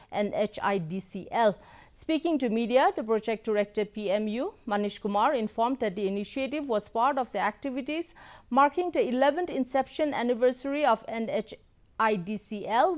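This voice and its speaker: A woman reading scripted news as an anchor in a formal manner. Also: fairly high pitch.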